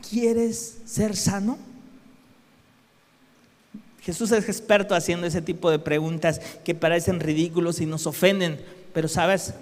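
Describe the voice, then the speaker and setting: A man's voice: high-pitched, in a large hall. A man preaching a sermon in a conversational way, asking the congregation rhetorical questions.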